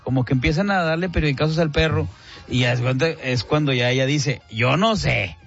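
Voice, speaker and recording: A man with a Mexican Spanish accent hosting a radio show, trading loud jokes and teasing with his co-host. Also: on the high side, moderate pace, vocal fry, husky. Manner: rowdy, joking, jumps into sung bits. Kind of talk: joking banter. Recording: dull lo-fi radio sound. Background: faint music.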